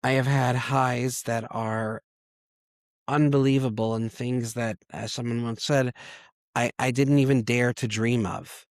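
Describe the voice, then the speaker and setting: A man, hoarse and congested from a cold, talking candidly and self-deprecatingly as a podcast host. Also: mid-range voice, steady tone, measured pace, no room sound, studio quality. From Long Island, New York. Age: 30s. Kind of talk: personal confessional monologue.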